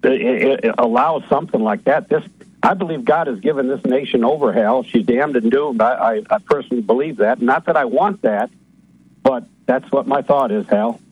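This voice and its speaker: A man calling into a radio show over a tinny, phone-like line. His voice is husky and a little breathy. He speaks haltingly, filling gaps and restarting his sentences. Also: medium pitch, no room sound. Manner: halting, with many fillers and restarts. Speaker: caller. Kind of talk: call-in radio talk.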